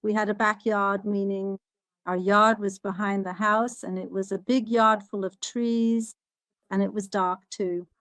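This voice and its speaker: A woman's voice: mid-range voice, little pitch movement, measured pace, fairly bright tone, no echo. A woman earnestly recounting a personal experience in the first person, turning emphatic when she repeats what she said. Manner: earnest, rising to emphatic when quoting herself. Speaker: guest recounting a near-death experience.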